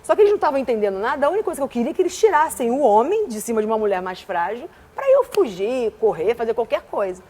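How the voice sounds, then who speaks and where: A woman guest in a television studio interview, speaking forcefully as she recounts events. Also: fairly high pitch, sing-song, racing, hardly any pauses, breathy edge. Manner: speaks forcefully, gestures a lot.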